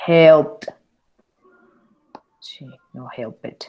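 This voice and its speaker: A woman teaching an online English class. Her voice sits a little low, and she talks slowly, repeating verb forms deliberately so students can copy them. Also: a little mellow, lo-fi sound. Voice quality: repeats words slowly to model pronunciation.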